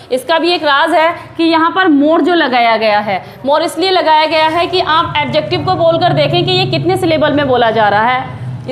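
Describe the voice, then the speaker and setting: High-voiced woman teaching grammar. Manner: explains patiently, slowing down to read English examples. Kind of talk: classroom-style grammar lesson.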